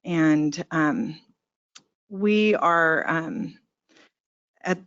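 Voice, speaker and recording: A woman's voice: low voice, very slow, fairly bright tone. A woman presenting policy at a government training, speaking hesitantly with frequent fillers. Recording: dull lo-fi recording.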